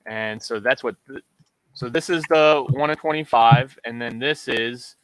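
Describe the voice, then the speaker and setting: Crisp, bright-voiced man chatting casually. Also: mid-range voice, measured pace, dry recording, low-quality recording. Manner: relaxed, many fillers while showing covers. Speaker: co-host of a comic order show. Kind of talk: casual chat.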